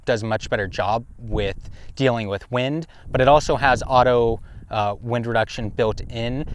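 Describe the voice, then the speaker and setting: A man's voice: medium pitch, smooth. A man giving a casual, explanatory camera test commentary as the host of a review video, speaking outdoors into an action camera microphone. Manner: explanatory, informal. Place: outdoors on a windy hilltop. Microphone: action camera built-in microphone. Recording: heavy wind noise, outdoor camera microphone. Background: loud wind noise.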